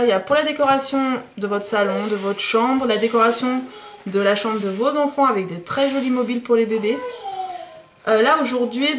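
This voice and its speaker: A woman's voice: on the high side, slight background noise. Chatty French woman unboxing a craft kit. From France. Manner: chatty, hesitant with many fillers, says "hop" often. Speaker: DIY vlogger. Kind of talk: casual unboxing vlog.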